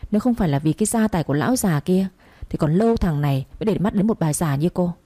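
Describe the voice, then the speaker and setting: A woman voicing a treacherous male lover who speaks fast and with open contempt. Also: fairly low pitch, expressive, dark tone, slightly rough, no room sound. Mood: sneering. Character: sneering treacherous male lover, fake priest.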